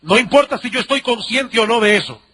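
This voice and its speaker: Male pastor, high voice, sermon delivery with repeated rhetorical questions. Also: lively intonation, brisk, bright, forceful tone, husky. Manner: preaching with rhetorical questions and repetition.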